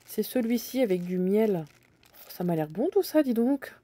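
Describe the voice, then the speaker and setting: Woman, chatty supermarket vlogger, hesitant fillers, mellow tone, dry sound. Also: medium pitch, animated, normal speed, no echo. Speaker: bargain-hunting vlogger. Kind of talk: casual supermarket walkthrough. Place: supermarket aisles.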